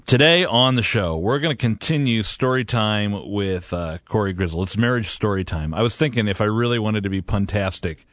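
A man's voice: sits low, no echo, clean studio sound. A man, middle-aged, hosting a radio show in a casual, conversational style.

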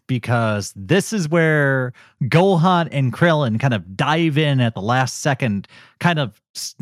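A man chatting in a relaxed podcast conversation, quick to laugh and talking things through as they come to him. His voice has a medium pitch. The sound is dry and close, with no noticeable room. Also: dry recording. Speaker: podcast co-host. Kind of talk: casual review chat.

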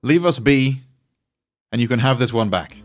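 A man's voice: medium pitch, expressive, moderate pace, natural voice. A man voicing a polite, slyly diplomatic dwarf rogue in a tabletop game, hedging as he talks. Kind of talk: tabletop role-play. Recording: music behind the voice.

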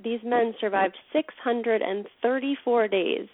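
A woman's voice: fairly high pitch, measured pace, dry recording. A woman speaking as a leadership consultant guest in a radio interview, explaining her work enthusiastically. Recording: dry, tinny phone line.

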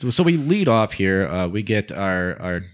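Lower-voiced hesitant man on a podcast. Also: big pitch swings, unhurried. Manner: hesitant, many "uh" fillers and restarts. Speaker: podcast co-host. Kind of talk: casual podcast chat.

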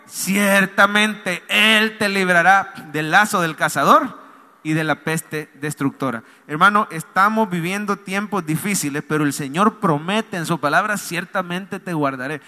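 Bright high-voiced pastor preaching. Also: male voice, measured pace. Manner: preaching with call-and-response, pleading and emphatic. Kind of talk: sermon. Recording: long hall reverb.

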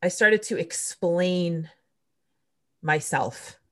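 A woman's voice: on the low side, extremely slow, a bit bright. A woman from Canada hosting a podcast, telling a candid, emotional personal story in casual conversation, with blunt swearing. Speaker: podcast host.

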